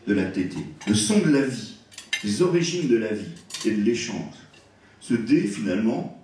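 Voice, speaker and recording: Expressive man lecturing in an echoey hall. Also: lowish voice, far from the mic, a little hiss or hum. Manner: expressive, savouring each word. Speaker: guest lecturer. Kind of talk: public lecture on word origins. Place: large hall at an evening event.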